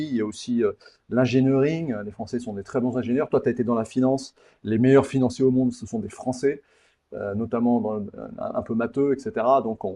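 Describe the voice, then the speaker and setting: Speaking in a mellow, medium-pitched voice, a man from Paris, France runs a relaxed interview as a podcast host. He's direct, digressive, and casual, with a habit of saying words more than once.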